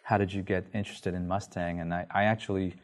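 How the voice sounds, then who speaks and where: A man's voice: low voice, flat delivery, fast. A man from Vietnam, a guest on a studio talk show, speaking hesitantly with many fillers. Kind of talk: casual studio interview.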